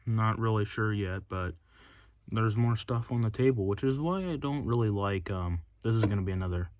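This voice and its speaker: A teenage male vlogger chats casually and unscripted inside a closet, hesitant and often losing his thread. His voice is on the low side with a darkish tone at a moderate pace, in a dry but noisy amateur recording with clicks.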